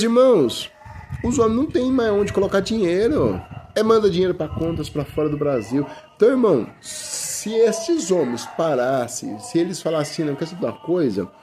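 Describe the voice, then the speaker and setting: With slight background noise behind him, a middle-aged Brazilian man with a Brazilian Portuguese accent preaches an informal sermon. His voice sits high and darkish, and he speaks conversationally, repeatedly saying "brother" and restarting often.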